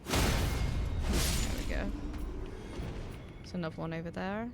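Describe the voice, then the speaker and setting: A woman's voice: lowish voice, steady tone, a little slow, vocal fry, over loud music. A young woman streaming a game, chatting casually with viewers, laughing often, swearing and reading out their messages. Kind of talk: casual live-stream chat while gaming.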